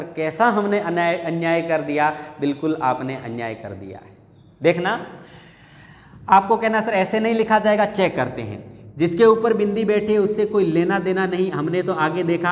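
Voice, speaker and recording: A male teacher giving a lesson, drilling students with repeated questions and answers. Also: high voice. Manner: repetitive call-and-response drilling. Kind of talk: classroom lesson. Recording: echoey long-reverb room.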